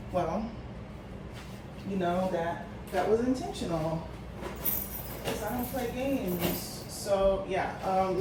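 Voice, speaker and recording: Chatty woman vlogging in an echoey room. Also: on the low side. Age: 30s. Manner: chatty, rambling with fillers like "like" and "you know". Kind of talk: casual vlog chat. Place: home room, getting ready. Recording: echoey room with clear background noise.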